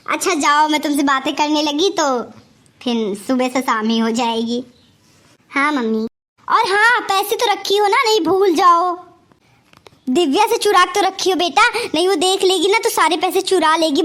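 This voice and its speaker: A woman's voice: very high voice, moderate pace, fairly bright tone. A woman with an Awadhi-tinged Hindi accent voicing a doting, gullible mother in a cartoon comedy, fussy and nagging. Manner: fussy and nagging, keeps asking "theek hai?". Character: doting, gullible middle-aged mother with favoritism.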